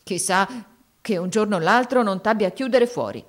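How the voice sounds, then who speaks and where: A woman's voice: mid-range voice, expressive, normal speed, pitched above the performer's own voice, close to an everyday voice. A woman reading aloud, voicing an earnest, lovestruck little boy who coaxes a girl to come away with him. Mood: sour. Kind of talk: audiobook reading.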